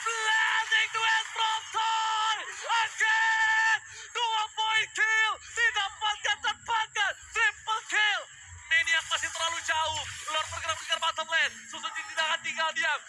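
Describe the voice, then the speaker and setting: A man with an Indonesian accent commentating excitedly like a fighting game announcer, shouting dramatic, drawn-out calls. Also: very high-pitched. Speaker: esports shoutcaster. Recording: loud music, long hall reverb.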